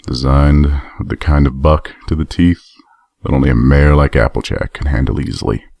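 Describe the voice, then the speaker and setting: A man brings to life a battle-worn male pony soldier in heavy armor, heard in a storybook reading. His voice sits extremely deep and gruff, measured and somber. It is recorded close and dry. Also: a little mellow, dry recording, exaggerated voice. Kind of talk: audiobook role reading.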